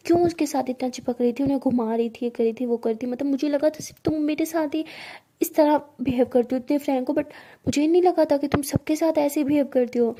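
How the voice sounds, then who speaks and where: Brief: a woman playing a strict young senior coworker, high but mellow voice, curt and scolding. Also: fast, lightly acted.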